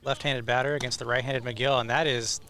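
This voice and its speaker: A man's voice: mid-range voice, steady tone, brisk, bright, forceful tone. A man giving live play-by-play commentary as a baseball announcer.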